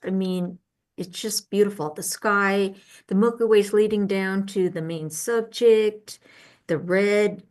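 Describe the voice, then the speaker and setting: A woman's voice: medium pitch, fairly even intonation, measured pace. Enthusiastic woman judging photographs. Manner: enthusiastic, warmly appreciative critique. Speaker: photo competition judge. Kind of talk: spoken critique of photographs.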